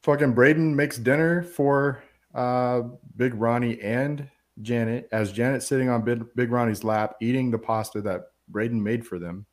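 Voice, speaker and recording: A man's voice: mid-range voice, steady tone, moderate pace, few pauses. A man hosting a casual movie podcast, retelling the plot in a loose, profane, rambling way and quoting the characters. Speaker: podcast host.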